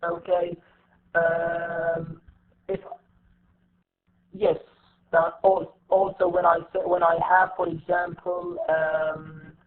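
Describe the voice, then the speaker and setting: A man with a Levantine Arabic accent teaching an English lesson, patiently repeating example words slowly for his students. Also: fairly high pitch, completely flat delivery, a little hiss or hum. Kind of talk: online lesson. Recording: tinny phone-like audio.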